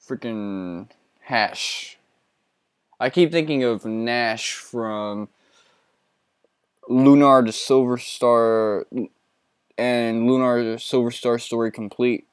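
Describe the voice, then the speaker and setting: Male let's player, 30s, casual and self-mocking, crisp and close, no room sound. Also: medium pitch, steady tone, takes it slowly, pauses often, no room sound. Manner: laid-back, profane and self-mocking. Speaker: let's play host. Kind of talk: casual gameplay commentary.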